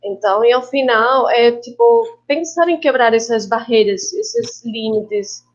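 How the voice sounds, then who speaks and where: On an online panel, a Colombian filmmaker and actress speaks Portuguese with a Colombian Spanish accent, letting Spanish words slip in. She is reflective and halting yet animated, with a fairly high voice, and the recording's highs are cut off.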